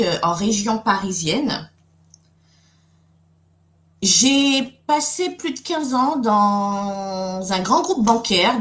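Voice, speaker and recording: A middle-aged woman from Guadeloupe, a coach, hosts a live webinar in an echoey room. Her medium-pitched voice is friendly, though full of fillers and restarts.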